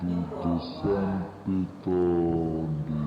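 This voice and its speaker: A deep, demonic devil voice, dragging each word out very slowly in a flat drone. The playback is dull and roomy, with music running underneath. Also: male voice. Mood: droning. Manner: slow, flat, drawn-out delivery. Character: male devil voice from a phone app. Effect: demonic voice changer filter, deep and slowed. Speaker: tutorial host. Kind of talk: voice changer demo of a channel greeting. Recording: dull, echoey phone app playback over music.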